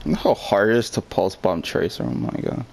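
Gravelly man exclaiming mid-game. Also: lowish voice, a little fast, slight background noise. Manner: excitable, laughs often, exclaims at the game. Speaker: gamer. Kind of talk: casual gaming chat.

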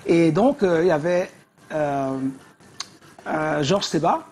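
Guesting on a TV talk show, this middle-aged woman from Cameroon, a singer, shares lively stories in a deep, low voice with a Cameroonian accent. She takes her time, speaking slowly.

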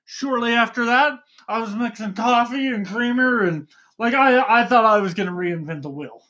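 Loud excitable man yelling into the mic. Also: extremely high pitch, normal speed, dull audio. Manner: rambling storyteller who keeps saying "okay?". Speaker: podcast co-host. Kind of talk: casual podcast chat.

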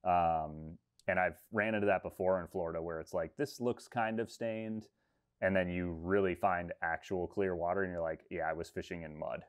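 A man's voice: sits low, normal speed. A man in his thirties, a fishing guide, talking casually on a video call with lots of fillers. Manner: relaxed, rambling, many fillers. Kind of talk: casual interview talk. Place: room with textured ceiling. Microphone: video call webcam.

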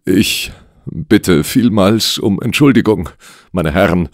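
A man doing a desperate middle-aged storybook gentleman, breathless and insistent, pitched higher and pressing, close dry reading. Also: slow, dry recording. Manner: panting, urgent and insistent. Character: frantic, sickly middle-aged man who believes he is cursed.

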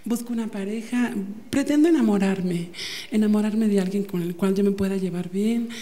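A Mexican man in his twenties, from Mexico City, giving a comic audition, soft and giggly, holding a handheld mic in an indoor casting room. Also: high voice, moderate pace. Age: 20s. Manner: soft, sweet and giggly, gushing about tenderness. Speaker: audition candidate.

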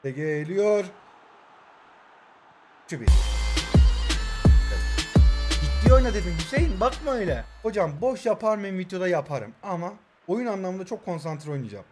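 Excitable young man commentating his game. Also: high-pitched, normal speed, soft background music. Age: 20s. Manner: excitable, shouts at players, mutters asides. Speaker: mobile football gamer. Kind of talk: live gameplay commentary.

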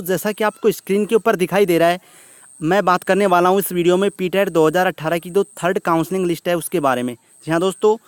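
Male tutorial host, higher voice, dry close recording, step-by-step delivery. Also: no echo. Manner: step-by-step, repeats "दोस्तों" often. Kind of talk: screen-recorded phone tutorial. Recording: voice-over on screen recording.

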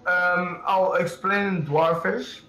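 A man's voice: high-pitched, steady tone, slow, bright, forceful tone, echoey room, poor audio. A man playing a dwarf in a tabletop game, rambling and crude in a casual way. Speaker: player. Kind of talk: casual tabletop role-play.

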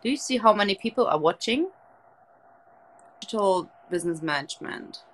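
Lying in bed at night, a young German livestream host chats in a relaxed, casual way with her viewers, holding her phone close as she speaks with a German accent. Her mid-range voice moves at normal speed. The audio is poor, with slight background noise.

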